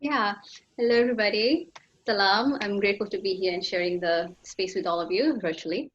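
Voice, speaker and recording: A woman from Somaliland, raised in Tanzania, telling her story as a nonprofit founder in an earnest, lively way on a panel held over a video call. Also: mid-range voice, brisk, highs cut off, slight background noise. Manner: earnest, animated storytelling with laughs. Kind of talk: panel discussion.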